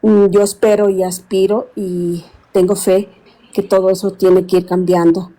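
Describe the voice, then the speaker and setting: Sixties woman caller, warm low-key tone, earnest, hunts for words. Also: level tone, unhurried, low-quality recording. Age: 60s. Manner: earnest, rambling, searches for words. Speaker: caller on a live stream. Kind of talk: casual call-in chat.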